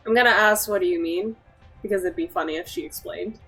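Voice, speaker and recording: A woman's voice: fairly low pitch, a little fast, a bit bright, slightly rough, soft background music. A woman making casual, joking commentary as she plays a video game.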